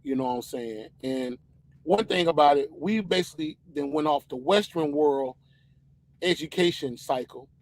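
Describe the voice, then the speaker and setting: A man's voice: on the high side, normal speed, rough recording. A man, co-hosting a podcast in a loose, rambling opinion rant. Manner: loose, rambling, repeats "you know what I'm saying". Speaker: podcast co-host.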